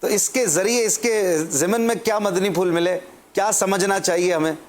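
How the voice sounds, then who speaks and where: Man interviewing a guest, fairly high voice, polite and probing, lots of little yes and hmm sounds. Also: moderate pace. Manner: polite, probing questions with frequent affirmations. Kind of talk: respectful religious interview.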